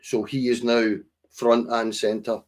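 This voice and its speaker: A man's voice: mid-range voice, little pitch movement, slow pace. Considered Scottish man, mid voice. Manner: considered, hedging. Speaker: podcast co-host. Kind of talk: casual football chat.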